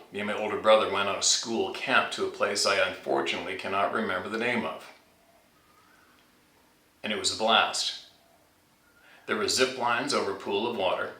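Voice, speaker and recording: This channel host reads a frightening story submitted by a viewer, chatting about it informally. His somewhat low voice comes across bright and forced, sounding far from the microphone in an echoing room.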